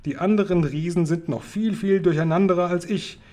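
A man voicing a big, friendly male giant who booms and muddles his words while reading a storybook aloud. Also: brisk, darkish tone, natural voice. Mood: boisterous.

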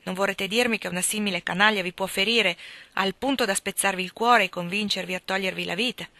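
Brief: woman voicing a pleading, impassioned gentleman suitor, audiobook, bright forward tone. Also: mid-range voice, fairly even intonation, fairly quick, no room sound. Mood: probing. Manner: impassioned, insistent, rising to loud outbursts. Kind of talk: audiobook reading.

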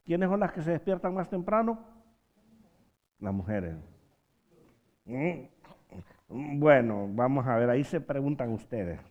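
Lively, unhurried male preacher. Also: medium pitch, muffled recording. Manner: rhetorical questions with frequent "¿verdad?" tags; humorous asides. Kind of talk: sermon.

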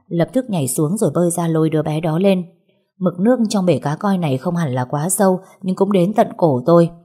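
A woman narrating a first-person audiobook story in a steady storytelling manner. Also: fairly low pitch, slightly rough.

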